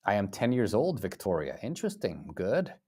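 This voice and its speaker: A man's voice: on the low side, huge pitch swings, normal speed, a little mellow, husky. A man in his thirties teaching a live online English lesson. He keeps praising his students and drills phrases by repeating them. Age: 30s. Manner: encouraging, praises students often.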